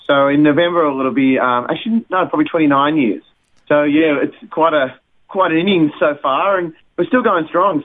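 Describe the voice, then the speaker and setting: A man from Australia, a singer and songwriter, telling his story in a hesitant, reflective way as an interview guest. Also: a little high. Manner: hesitant, many fillers and restarts, reflective. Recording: phone-line sound.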